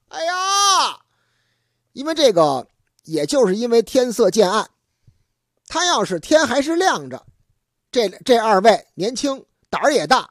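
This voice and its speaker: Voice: mid-range voice, no echo, studio quality. A storyteller telling a comic tale in a traditional spoken style, with chatty asides to the listeners. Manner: lively, chatty asides to the audience.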